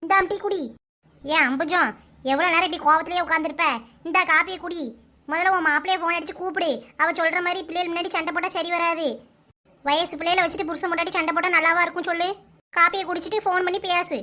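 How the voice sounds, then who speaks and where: A level-headed village neighbour from a cartoon, voiced by a woman, in a very high voice with a Kanyakumari accent. She gives firm, calm advice. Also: fast. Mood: counselling. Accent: Kanyakumari Tamil. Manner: firm, counselling. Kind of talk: cartoon voice acting.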